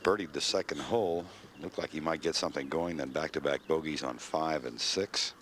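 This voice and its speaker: Male golf commentator, very deep voice, clipped measured phrases, faint noise behind. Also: fairly bright tone.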